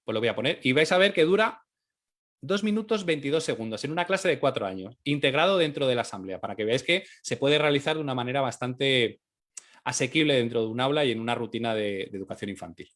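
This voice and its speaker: Man, teacher trainer, instructional talk, mid pitch, sounds out syllables. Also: expressive, fast, a bit bright. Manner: explanatory, sounds out syllables and phonemes aloud. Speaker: early-years teacher trainer.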